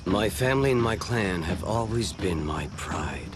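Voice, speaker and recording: A man's voice: on the low side, lively intonation, heavy background noise, close to an everyday voice. Leif the Lucky, a man playing a proud Viking. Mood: solemn, proud. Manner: solemn, measured first-person recollection. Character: proud adult male Viking farmer-explorer, son of Eric. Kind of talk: scripted documentary dramatization. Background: music.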